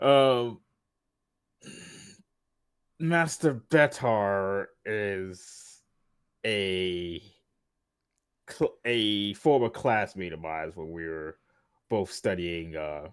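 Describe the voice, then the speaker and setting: A man voicing a tipsy, good-natured engineer in a tabletop game, halting and full of fillers. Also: on the low side, smooth, no room sound, studio quality.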